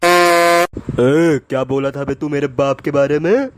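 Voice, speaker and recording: A man's voice: medium pitch, brisk, darkish tone, pitched below the performer's own voice, lightly acted. A man voicing a confrontational neighborhood tough guy in a comedy sketch.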